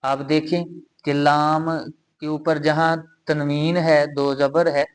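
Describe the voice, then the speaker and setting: Man, Urdu-speaking Pakistani accent, Quran teacher, slow steady delivery, flat level tone, patient repetition. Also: a little high, clear, resonant tone. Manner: slow, patient, repeats and spells out sounds. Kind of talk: step-by-step tajweed lesson.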